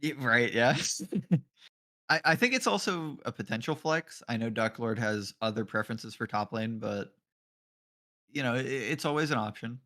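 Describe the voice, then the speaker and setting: A man doing color commentary on a live esports draft. He sounds relaxed and joking, laughs easily and lets the odd swear slip. His voice sits at an ordinary mid pitch. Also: moderate pace. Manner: casual and joking, laughs often, swears offhandedly.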